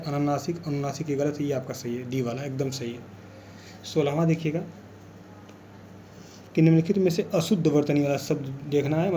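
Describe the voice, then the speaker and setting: A man's voice: on the high side, dark tone, a little hiss or hum. A man teaching an exam revision lesson, explaining patiently and repeating key words as he goes.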